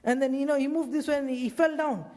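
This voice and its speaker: A man retells a story in a sermon with animated delivery, often repeating and restarting his phrases. His voice is very high, and a long reverb trails after it as in a large hall. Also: fast talker. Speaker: preacher.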